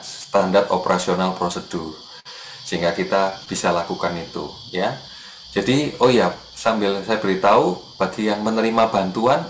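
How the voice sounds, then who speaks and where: A man preaching a casual morning sermon to his congregation, chatty and animated, acting out the people he quotes and dropping into soft murmured prayers. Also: on the low side, roomy sound, a little hiss or hum. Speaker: evangelist preacher.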